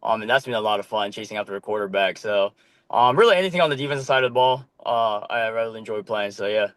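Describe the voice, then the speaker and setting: A man's voice: on the low side, fast, dry recording. Laid-back young man, dry mic. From Korea. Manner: relaxed, loose, with many ums and casual swearing. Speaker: podcast guest, flag football player. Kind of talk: casual chat.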